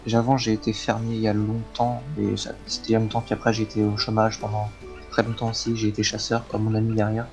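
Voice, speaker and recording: A man's voice: on the low side, fast, creaky, faint music behind. A man speaking in character in a western roleplay, hesitant and full of fillers while he answers questions. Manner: hesitant, many fillers, flat delivery. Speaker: roleplay player questioned by lawmen.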